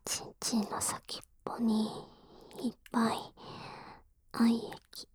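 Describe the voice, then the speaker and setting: A woman's voice: a little high, completely flat delivery, slow, a little mellow, husky, exaggerated voice. A woman playing a teasing, bashful young lover in a whispered role-play, murmuring intimate pillow talk up close. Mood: intimate, coaxing.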